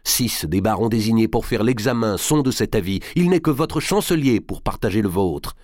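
A man's voice: fairly low pitch, lively intonation, moderate pace, a little mellow, dry recording, clean studio sound, voice pushed up, close to an everyday voice. A man doing a young, haughty king. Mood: insistent. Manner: imperious, pressing. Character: young impatient stubborn male king.

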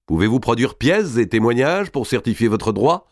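A man voicing a grave and majestic medieval king who speaks in a solemn, measured way. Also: medium pitch, big pitch swings, no echo, clean studio sound, voice pushed up.

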